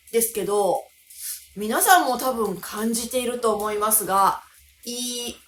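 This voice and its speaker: A Japanese woman teaching pronunciation in a clear, deliberate lesson style. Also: on the high side, a bit bright, roomy sound, slight background noise. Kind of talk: scripted language lesson.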